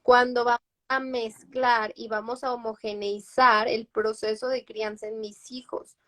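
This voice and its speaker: A woman's voice: a little high, level tone, measured pace, fairly bright tone. A young adult woman, a psychologist guest on a live stream, explaining through personal examples and tag questions. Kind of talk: live-stream advice talk.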